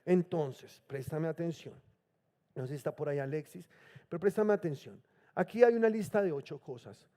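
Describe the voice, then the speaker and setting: A male pastor preaching a sermon, reading scripture slowly and with emphasis and calling on the congregation to repeat words after him. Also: on the high side, lively intonation, warm tone.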